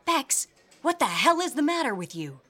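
A woman's voice: high voice, big pitch swings, moderate pace, sharp tone, slight background noise, full character voice. An actress playing a stern, anxious woman manager who scolds a worker, in a fiction podcast drama. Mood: scolding. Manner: urgent, scolding.

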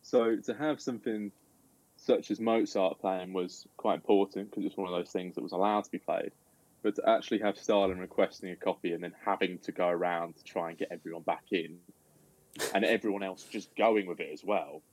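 A man in a casual film discussion, animated and acting out quoted lines. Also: deep voice, fairly quick, no echo, poor audio. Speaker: podcast guest.

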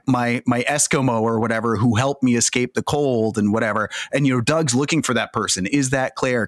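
A man's voice: mid-range voice, no echo. Man, podcast host, casual film talk, explanatory, dead-dry recording. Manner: explanatory, recounting plot at length.

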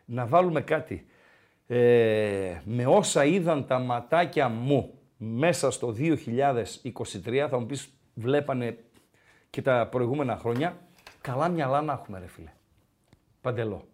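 A man's voice: medium pitch, expressive, a little mellow. A man co-hosting a podcast in casual chat, grumbling playfully and repeating himself. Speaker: podcast co-host.

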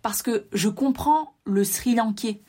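A young woman from France telling a personal story straight to her listeners, lively and direct. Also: fairly high pitch, takes it slowly, husky.

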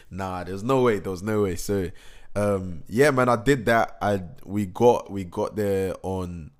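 Low-voiced young man, excitable. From England. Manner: excitable, rambling, slangy, many fillers and restarts. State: hoarse, recovering from a cold. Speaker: musician. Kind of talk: casual vlog recap.

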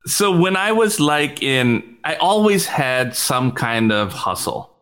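Laughing, quick-talking man. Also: a little high, very animated, a bit bright. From Philippines. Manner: quick, laughing, repeats words, mixes in Filipino. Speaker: guest, startup executive. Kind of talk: casual interview chat.

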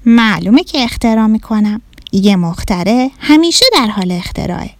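A woman's voice: medium pitch, animated, no echo, lightly acted. A woman voicing a blunt, clever young mouse inventor in a children's storybook. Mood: offhand. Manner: blunt, offhand. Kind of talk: storybook narration.

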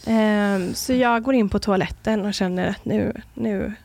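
A woman guest on a podcast, telling a painful personal story in an earnest, halting way, with many restarts. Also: medium pitch, vocal fry, darkish tone.

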